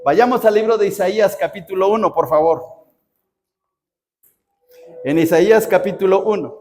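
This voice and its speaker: A man's voice: high-pitched, normal speed, darkish tone. A Mexican man preaching a sermon as a pastor, pressing his point with emphatic rhetorical questions. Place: church. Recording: reverberant church hall.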